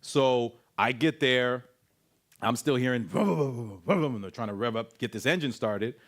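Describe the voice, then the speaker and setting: A man tells a personal story to a camp audience. He speaks at an ordinary pitch for a man and narrates in a lively way, acting out voices and making sound effects as he goes. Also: moderate pace. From Canada. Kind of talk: storytelling testimony talk.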